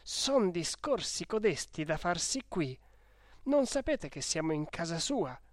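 A man voicing a fearful, fussy old village priest who scolds in anxious hushed tones. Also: on the high side, sing-song, a little slow, dry recording, studio quality. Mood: scolding.

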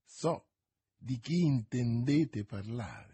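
A cold, calculating cardinal, as a male reader plays him, speaking in a measured, authoritative way at an unhurried pace. The voice is husky and dry, recorded up close. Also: medium pitch, animated, mellow, no room sound, full character voice. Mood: commanding. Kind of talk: audiobook character reading.

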